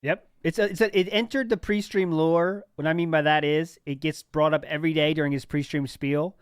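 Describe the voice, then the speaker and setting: A man's voice: fairly high pitch, fairly even intonation, a little fast, clear, resonant tone, no room sound, studio quality. A man hosting a livestream, chatting casually and chuckling as he reads out viewer messages. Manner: laid-back, chuckling, reads out submitted messages. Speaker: stream host. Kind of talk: casual chat.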